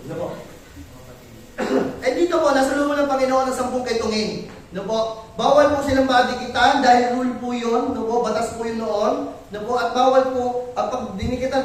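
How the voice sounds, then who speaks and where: A man's voice: very high-pitched, heavy reverb, recorded from a distance, a little hiss or hum, low-quality recording. A man preaching a sermon, who keeps asking his congregation rhetorical questions in a polite way. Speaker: pastor. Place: church.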